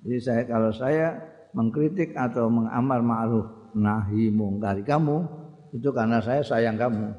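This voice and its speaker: Javanese-accented preacher in a reverberant hall. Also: male voice, medium pitch, normal speed, dark tone, lo-fi sound. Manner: chants Arabic phrases, then explains plainly. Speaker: religious teacher. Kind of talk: conversational sermon.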